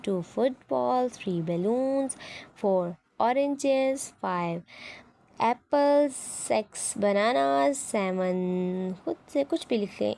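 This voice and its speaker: A woman teacher with a Pakistani accent explains an English textbook exercise, reading the instructions slowly and spelling words letter by letter. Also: medium pitch, vocal fry, mellow. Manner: reads English instructions slowly, then explains in Urdu-Hindi.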